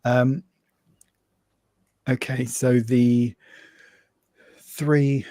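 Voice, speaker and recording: A man's voice: medium pitch, level tone, very slow, warm tone, dry recording. A man narrating a live tabletop game as game master, laughing often and rambling loosely as he describes scenes.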